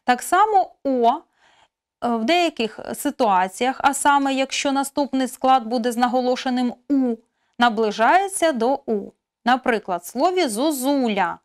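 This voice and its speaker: A woman teaching a language lesson, explaining slowly and carefully with spelled-out example words. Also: high voice, expressive.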